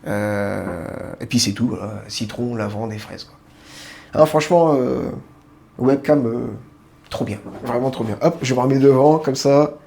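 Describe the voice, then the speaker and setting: Excited guy showing off his webcam at home, mid pitch, lots of ums and restarts. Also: measured pace, creaky, a little hiss or hum. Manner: enthusiastic, keeps repeating how great it is; chatty, full of fillers and restarts. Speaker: tech video host. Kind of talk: casual product demo. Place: small room at home with grow tents.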